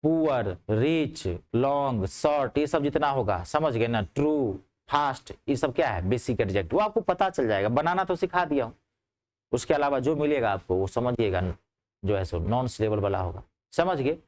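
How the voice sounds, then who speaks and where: A man teaching a grammar class in speech, asking his students checking questions and answering them himself. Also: normal speed. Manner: lively, rising on questions and dropping low on answers.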